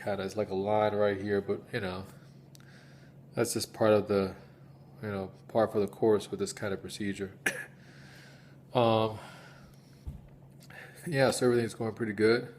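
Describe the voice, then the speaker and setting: A man with a stuffy, congested nose giving a halting, low-key recovery update in a casual vlog style. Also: a little mellow. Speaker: patient recording recovery diary.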